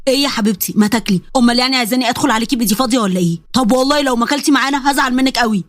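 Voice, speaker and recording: A woman's voice: on the high side, very fast, no room sound, voice pushed down, natural voice. A woman voicing a caring, teasing husband with an Egyptian accent in a told story. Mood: coaxing. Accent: Egyptian Arabic. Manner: coaxing.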